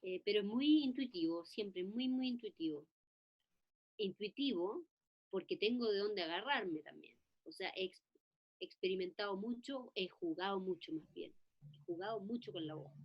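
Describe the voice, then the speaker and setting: Animated puppeteer woman, lo-fi sound. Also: mid-range voice, normal speed. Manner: animated, demonstrates voices mid-talk. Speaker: puppeteer and actress. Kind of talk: talk on voice acting.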